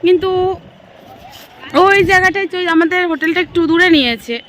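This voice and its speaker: A woman with a hoarse voice from a cold, chatting straight to her viewers in a casual travel vlog, filmed outdoors on a handheld phone. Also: extremely high pitch, moderate pace, a bit bright, slight background noise. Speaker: travel vlogger. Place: outdoors, bus stop and beach.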